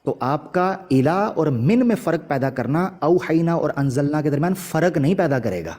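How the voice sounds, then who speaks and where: A man debating on a video call, calmly and patiently explaining word meanings and urging the other side to relax. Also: on the high side. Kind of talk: online religious debate.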